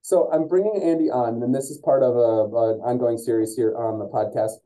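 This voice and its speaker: A hollow, tunnel-like call recording carries the voice of an American man. He hosts a podcast casually, with a friendly and effusive conversational manner. His pitch sits in the middle of the male range. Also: fairly quick, mellow, poor audio. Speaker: podcast host. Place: remote video call.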